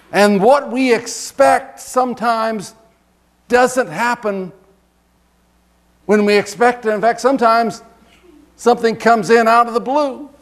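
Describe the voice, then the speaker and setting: A man's voice: very high voice, fairly bright tone. A male pastor giving a conversational sermon, reading scripture expressively and chuckling between points.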